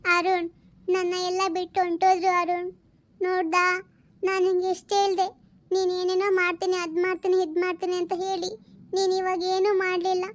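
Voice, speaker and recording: A woman's voice: very high voice, monotone, brisk. A woman playing a young wife disowned by her family, pleading and weepy in a skit. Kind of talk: comedy skit acting.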